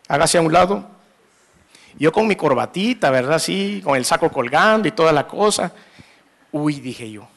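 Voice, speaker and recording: Animated, gravelly Salvadoran male preacher. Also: sits high. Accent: Salvadoran Spanish. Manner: animated, acts out scenes, mixes humor into preaching. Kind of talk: sermon with storytelling.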